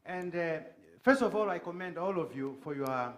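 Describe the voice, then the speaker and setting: A middle-aged man speaks up from the floor of a conference, making his case with a short story before his question. His voice sits a bit high for a man, and his manner is earnest and pointed. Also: expressive, moderate pace. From Tanzania. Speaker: audience member asking a question.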